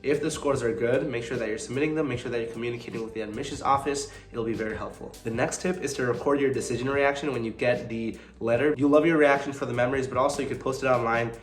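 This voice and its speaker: A young man with a sick voice giving rapid-fire, upbeat college application tips in a casual vlog. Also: mid-range voice, fairly even intonation, reverberant. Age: young adult. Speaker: college admissions advice vlogger.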